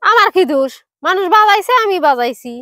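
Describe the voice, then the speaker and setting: Woman as scolding wife, high voice, dry sound. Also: animated, fairly quick, sharp tone, dry recording, exaggerated voice.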